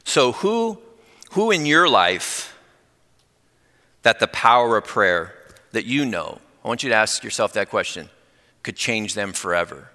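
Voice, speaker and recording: A middle-aged man giving a conversational sermon with personal testimony, earnest and growing excited, speeding up when fired up. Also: fairly low pitch, a little slow, pauses often. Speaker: lay preacher. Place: church. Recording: long reverb in a church hall.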